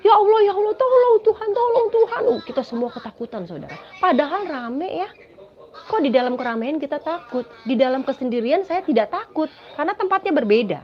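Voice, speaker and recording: A woman giving a spoken personal testimony, telling her story dramatically and often addressing listeners as "Saudara". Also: high-pitched. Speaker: testimony speaker. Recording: dull lo-fi recording.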